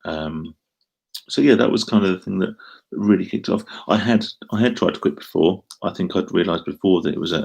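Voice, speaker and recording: A middle-aged Essex man with a low, gravelly voice and an Essex English accent chats casually on a live stream, answering comments. He rambles and puts himself down, with frequent ums and restarts.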